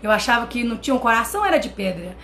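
A Brazilian woman with a Brazilian accent, hosting a channel and telling a personal story in an animated way, talking straight to her viewers. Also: a little high, very fast. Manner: animated, addresses viewers directly. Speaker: channel host.

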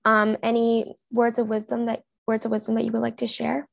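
A woman conducting an interview, her questions measured and clear. Her voice sits fairly high and carries a strong gravelly fry. The recording is dry, with no room echo. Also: monotone.

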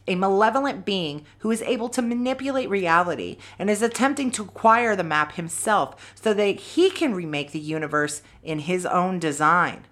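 A woman's voice: medium pitch, fairly bright tone. Casual, swearing woman recapping a movie. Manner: swears freely, summarizes plot with wry asides. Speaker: podcast co-host. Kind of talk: casual chat, recapping a film plot.

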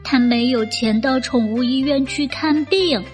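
A woman's voice: sits high, unhurried. A woman voicing an earnest, kind little boy who loves cats in a children's bedtime story. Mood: pleading. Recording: long reverb with music bed.

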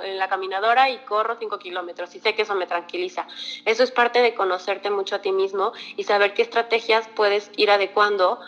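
A woman's voice: medium pitch, a bit bright, muffled recording. A woman psychologist, explaining in a podcast conversation and acting out short example dialogues.

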